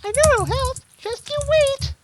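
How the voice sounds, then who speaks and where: A woman voicing a bubbly, hyper young pony girl, squealing and excited, in an amateur comic read-through. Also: very high-pitched, measured pace, background noise. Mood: eager.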